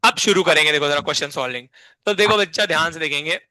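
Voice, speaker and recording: A man's voice: on the high side, quick pace, pushed and bright, no echo. Guy teaching chem, keeps firing questions at the class, dry close sound. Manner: constantly quizzes the class with repeated questions; drills mnemonics in a playful sing-song. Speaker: chemistry teacher. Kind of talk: classroom lecture.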